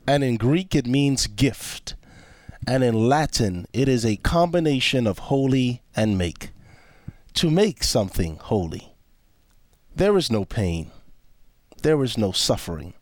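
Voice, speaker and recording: A man hosting a religious study panel, speaking in a measured, reflective way. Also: mid-range voice, no room sound. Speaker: host. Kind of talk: scripted opening, then panel discussion.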